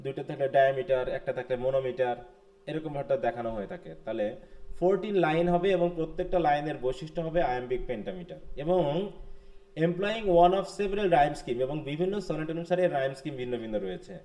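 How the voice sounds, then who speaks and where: Brisk, fast-talking male lecturer. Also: fairly high pitch, mellow. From Bangladesh. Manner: questions students, mixes English terms into lecture, mildly scolding. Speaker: English literature teacher. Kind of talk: live online class lecture.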